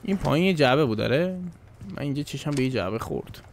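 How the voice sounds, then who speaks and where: A man's voice: mid-range voice, expressive, creaky, a little hiss or hum. A young man hosting a gaming channel, giving casual commentary over gameplay in a playful, teasing, joking way.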